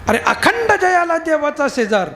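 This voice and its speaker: Man doing a tiny mocking girl saint, sing-song, very high and lively. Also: normal speed, faint music behind, exaggerated voice. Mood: scolding. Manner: shrill sing-song taunting. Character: little girl saint, four or five, mocking.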